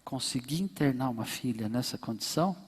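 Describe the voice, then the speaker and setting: A pastor leading a church service, calling out fervent, drawn-out praise to his congregation. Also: medium pitch, slightly rough. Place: church sanctuary. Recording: echoey church hall with congregation.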